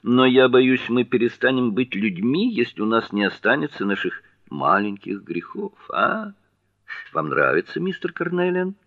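A man's voice: medium pitch, sing-song, normal speed, no echo, narrow, tinny audio, voice pushed up. A man voicing a fussy, prim Victorian husband in pince-nez.

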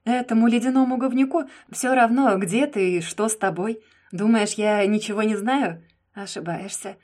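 A woman's voice: a little high, normal speed, a little mellow, close to an everyday voice. A woman reading the part of a jealous, devoted young man in an audiobook, pleading and insistent. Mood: heated.

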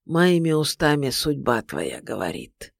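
A reader voicing an old blind sorcerer who speaks slowly, weightily and solemnly. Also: medium pitch, big pitch swings, creaky, no room sound, clean studio sound, pitched below the performer's own voice. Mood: grave. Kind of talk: audiobook character voice.

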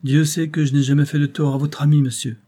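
A man's voice: a little high, little pitch movement, fast talker, mellow, breathy edge, pitched above the performer's own voice. A man reading aloud and voicing a grieving, pleading old drunken grandfather who halts and repeats words. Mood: anguished. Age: older.

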